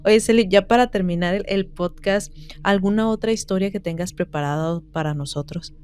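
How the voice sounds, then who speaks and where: A woman's voice: medium pitch, moderate pace, a little mellow, soft background music. A woman hosting a podcast in casual chat, reacting with colloquial exclamations and asides. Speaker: podcast host.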